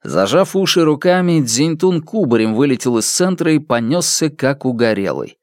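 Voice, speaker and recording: Expressive audiobook narrator, dry close sound. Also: mid-range voice, normal speed, no room sound. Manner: lively, expressive reading. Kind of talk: scripted narration.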